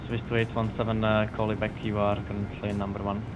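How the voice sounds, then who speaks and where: A man working as an online air traffic controller, speaking in clipped radio phraseology with a calm, even delivery, heard as a radio transmission through a pilot's headset. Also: fairly low pitch, fairly quick, music in the background. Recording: dull radio audio with loud noise.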